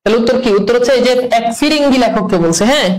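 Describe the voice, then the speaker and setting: Fast-talking high-voiced male teacher. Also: poor audio. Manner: quizzing students with rapid questions and answers. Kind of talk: online class quiz review.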